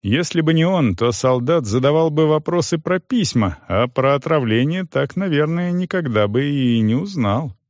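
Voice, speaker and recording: A man narrating an audiobook in a slow, lively storytelling manner. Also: on the high side, no room sound, studio quality. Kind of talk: audiobook reading.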